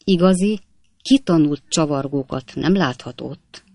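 A narrator voicing a cheerful, witty young manservant in an audiobook, chatting in a folksy, gravelly tone. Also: medium pitch, warm tone, dry recording, close to an everyday voice. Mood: lively, folksy.

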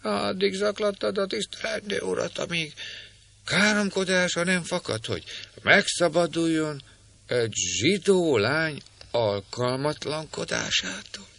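A man's voice: a little high, expressive, vocal fry, a bit bright, voice pushed up, full character voice. A man voicing a cackling old woman jailer with a screeching voice, read as part of an audiobook. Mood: mocking.

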